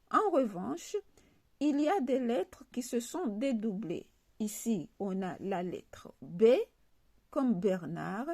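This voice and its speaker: A woman's voice: medium pitch, a little mellow. A woman teaching a language lesson, explaining letters patiently and repeating each example word. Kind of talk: slow spoken alphabet lesson.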